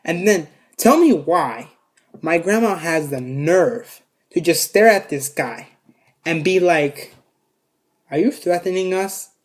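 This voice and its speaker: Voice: medium pitch, expressive, slow pace, husky. A vlogger tells a story to a camera set up in front of them. The talk rambles, with many restarts and fillers. It swears freely in a loose, casual storytime style.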